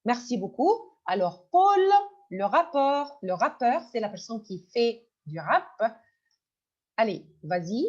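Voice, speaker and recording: With a fairly high pitch, big swings in intonation and a slow delivery, this woman teaches French online. She repeats things patiently, explains words and switches into English often, all in dull lo-fi sound.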